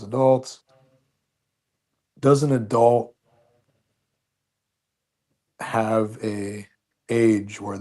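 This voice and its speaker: A man's voice: lowish voice, darkish tone. A man hosting a casual debate, building probing questions step by step. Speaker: host.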